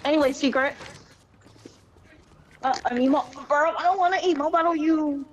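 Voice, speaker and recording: High-voiced playful woman gamer. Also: normal speed, muffled recording, a little hiss or hum. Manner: playful, bossy, joking. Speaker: game player. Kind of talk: casual gaming chat.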